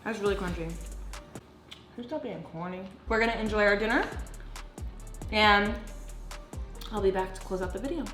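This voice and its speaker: A woman's voice: medium pitch, moderate pace, long pauses, fairly bright tone. A woman food vlogger chats informally and with emphasis to her viewers. Her voice sits in a roomy, echoing space. Music plays underneath. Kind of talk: casual vlog narration to viewers. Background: background music.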